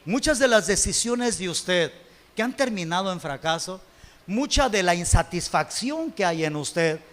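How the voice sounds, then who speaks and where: A Mexican pastor with a high, ringing voice delivers a sermon in church. He throws questions out to his congregation and slows down to spell words out letter by letter. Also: expressive, a bit bright. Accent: Mexican Spanish.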